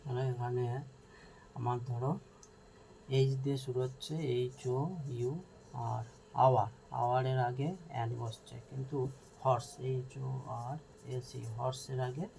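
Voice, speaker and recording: This is a teacher with a dark, mellow voice who explains a grammar lesson slowly, spelling words out one letter at a time. He keeps checking whether the learners follow along. A faint hiss of background noise sits under the voice. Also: mid-range voice, gravelly, low-quality recording.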